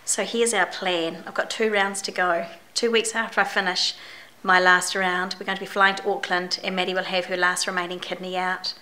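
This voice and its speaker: A middle-aged New Zealand vlogger records a personal video diary, talking openly and chattily with fillers and restarts. Her bright, forward voice sits on the low side, with a level tone and moderate pace, and carries a slight croak from a chest infection.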